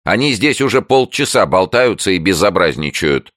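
A man voicing a shrill, frightened old woman neighbor who scolds loudly from behind her door in an audiobook. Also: big pitch swings, normal speed, no room sound, clean studio sound. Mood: fussing. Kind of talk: audiobook character voice.

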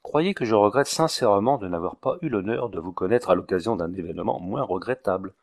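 A man's voice: fairly low pitch, lively intonation, fairly quick, creaky. A man voicing a fussy, long-winded male village doctor who speaks in a pompous, ceremonious way.

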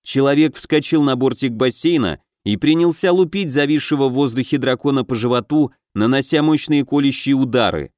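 Male audiobook narrator, mid-pitched, dry close read, steady storytelling. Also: a little fast, hardly any pauses, no echo. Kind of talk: scripted narration of a fantasy game novel.

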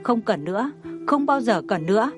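A woman's voice: a little high, lively intonation, normal speed, music in the background, close to an everyday voice. A woman voicing a tearful, heartbroken young woman in a storybook reading, pleading.

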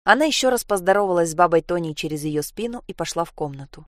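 A woman narrating a story in an even, measured reading. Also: fairly low pitch, no room sound, clean studio sound.

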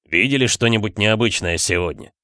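A man playing a mysterious young stranger who speaks calmly and sternly, reproving those around him. His voice is low and even. The reading is dry and close-miked. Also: fairly quick, no echo. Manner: calm, reproving. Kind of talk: audiobook character voice.

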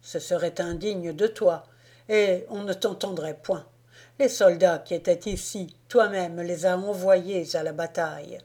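Woman reading proud Gaulish giant warrior, grave and slow, audiobook. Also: fairly low pitch, fairly even intonation, dark tone.

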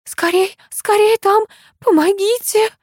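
A woman reading an audiobook voices a frightened, timid young wife who talks in breathless, panicky high cries. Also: fairly even intonation, slow, darkish tone, dry recording, clean studio sound. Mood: panicked.

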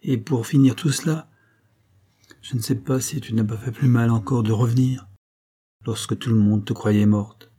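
A man's voice: medium pitch, fairly even intonation, normal speed, warm tone, natural voice. A man reading an audiobook voices a dying old female servant who solemnly reproaches the young woman she raised. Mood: stern.

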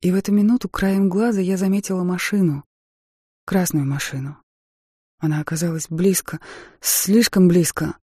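A woman reading a first-person audiobook in a measured, dramatic way. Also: on the low side, fairly even intonation, warm tone, slightly rough, no echo, clean studio sound. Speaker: audiobook narrator.

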